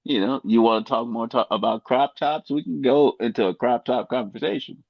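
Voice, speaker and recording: A man's voice: mid-range voice, fairly quick, vocal fry, dry recording, highs cut off. A man co-hosting a casual podcast chat, rambling and joking, laughing at his own jokes. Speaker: co-host.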